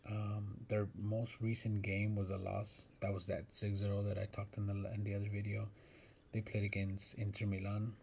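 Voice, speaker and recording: A man's voice: fairly low pitch, completely flat delivery, normal speed, gravelly, darkish tone, a little hiss or hum. A man giving casual soccer betting predictions, thinking aloud and hesitant, often restarting his sentences. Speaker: sports betting vlogger.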